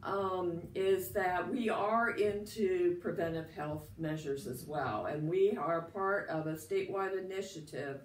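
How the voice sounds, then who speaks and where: A woman with a croaky, froggy voice from a head cold, giving casual interview answers about her work. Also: fairly low pitch, unhurried, hardly any pauses, slight background noise. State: has a cold. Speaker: free clinic director, interviewee. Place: indoors at a clinic. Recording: echoey room, distant mic.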